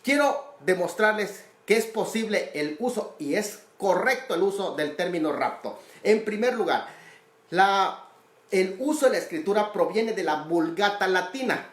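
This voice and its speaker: A man's voice: high voice, animated, a little slow. Methodical male theology teacher, roomy sound. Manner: methodical, explains terms step by step and stresses key points. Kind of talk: recorded Bible study lecture. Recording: roomy echo.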